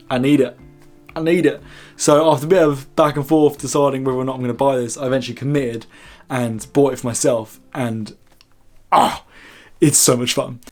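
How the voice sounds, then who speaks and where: A man's voice: mid-range voice, darkish tone. A young British man hosting a video channel, chatting casually and enthusiastically to viewers. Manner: enthusiastic, informal. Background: faint music.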